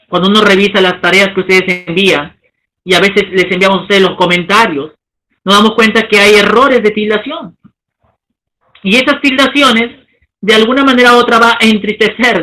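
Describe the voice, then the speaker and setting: A male teacher giving a recorded lesson, emphatic, asking rhetorical questions and stressing syllables slowly. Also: high voice, bright, forceful tone, rough recording.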